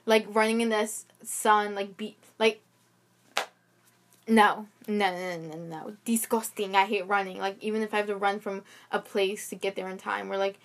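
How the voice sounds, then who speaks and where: A woman's voice: medium pitch, level tone, brisk, few pauses. A young woman chatting casually, rambling with lots of fillers and restarts as she co-hosts. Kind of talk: casual chat.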